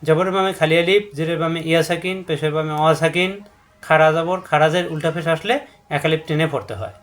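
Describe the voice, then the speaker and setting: A man gives a step-by-step Quran recitation lesson. He repeats each rule patiently and draws out example syllables to show their length. His voice sits somewhat high for a man. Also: fairly even intonation, fast talker, fairly bright tone. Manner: patient, repetitive, drawing out syllables to demonstrate.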